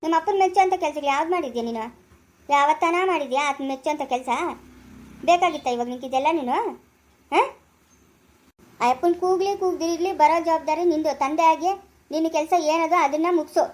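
A woman acting a sharp-tongued village woman in a family skit, scolding and nagging, with a Chikkaballapura Kannada accent. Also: high-pitched, fairly quick, pauses often, natural voice.

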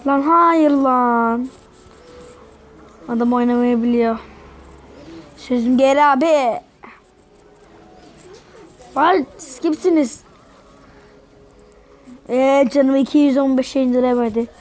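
Woman, high voice, unhurried delivery; excitable gameplay commentary with outbursts at the rival. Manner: excitable, yells at the opponent. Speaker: mobile game player.

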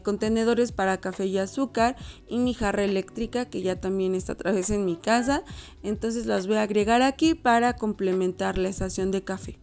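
Woman, 30s, casual vlog voice-over, mid-pitched, soft music underneath. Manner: chatty, self-correcting, addresses viewers as girls. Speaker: home decor vlogger.

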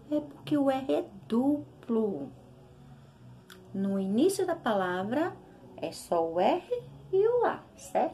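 A young Brazilian woman teaching a recorded lesson to small children, drawing out syllables in a slow sing-song way. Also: fairly high pitch, dark tone, slight background noise. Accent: Brazilian Portuguese. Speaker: primary school teacher.

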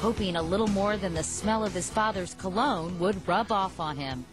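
A woman's voice: medium pitch, normal speed. A woman narrating a scripted entertainment news feature in a polished, wry tone. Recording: music bed under voice.

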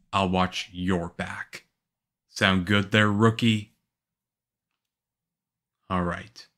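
Man acting as Leon Kennedy, low, unhurried young agent. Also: a bit bright. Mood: resolute. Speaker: audio roleplay voice actor. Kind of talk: ASMR roleplay acting.

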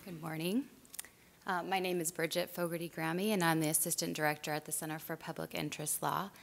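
Woman, low voice, firm formal testimony, table mic, big meeting room. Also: flat delivery, creaky. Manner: firm, measured, lots of "um"s. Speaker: public commenter for a law advocacy center. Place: large hotel meeting room. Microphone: table microphone.

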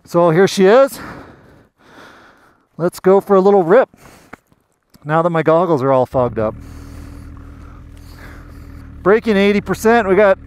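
A Canadian magazine editor gives casual, eager commentary while taking a snowmobile through deep snow in the forest for a review. His voice is expressive, clear, and resonant, a little slow, with long pauses and no echo. Engine and wind noise come through the helmet camera's mic.

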